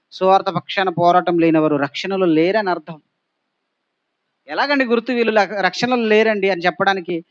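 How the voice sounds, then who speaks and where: A man's voice: sits high, no echo, highs cut off. A male pastor preaching a sermon, pressing the congregation with repeated rhetorical questions and emphatic exhortations.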